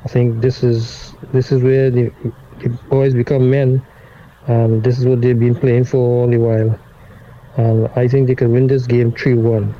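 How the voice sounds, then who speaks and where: Give me a man with a very dark, flat voice, heard as a voice note replayed through a speaker. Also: medium pitch. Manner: measured, hesitant, with many restarts. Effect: voice note played back over a speaker. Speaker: caller sending a voice note. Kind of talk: voice message. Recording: dull lo-fi playback with faint noise.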